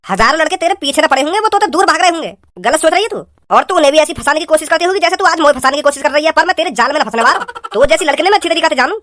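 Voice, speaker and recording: A rude young village lad in a cartoon, voiced by a woman, who fires off blunt, sneering jabs at a breakneck clip. His voice sits high for a man, and he speaks in rough country speech that drips with scorn. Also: lively intonation, rapid-fire, hardly any pauses, a bit bright, no echo. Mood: mocking. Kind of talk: Hindi cartoon comedy voice acting.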